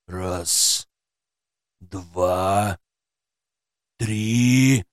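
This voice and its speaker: A furious rough rescuer growls and barks his threats in a low, menacing voice, as a male narrator puts him on. The tone drops below the reader's usual voice and turns hushed and harsh. The sound is close and dry. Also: very slow, no room sound. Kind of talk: audiobook character voice.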